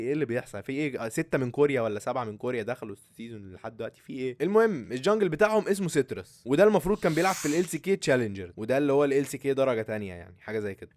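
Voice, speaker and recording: Young Egyptian man, esports vlogger, sarcastic, very fast, dry close mic. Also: mid-range voice, no room sound. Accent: Egyptian Arabic. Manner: sarcastic, rapid joking asides. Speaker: esports commentator. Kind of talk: satirical esports preview.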